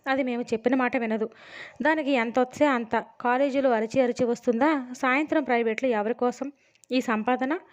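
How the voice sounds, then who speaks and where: A woman's voice: fairly high pitch, fairly even intonation, brisk, close to an everyday voice. A woman narrator voicing a resentful woman who complains defensively about the girl. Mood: complaining. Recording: dull lo-fi sound.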